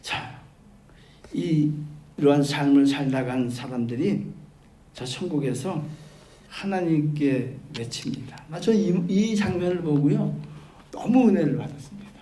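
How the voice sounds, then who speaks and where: A male pastor preaching a sermon. He turns from loud, emphatic exclamations to soft, quiet asides. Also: fairly high pitch, lively intonation, measured pace. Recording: roomy church hall with faint background noise.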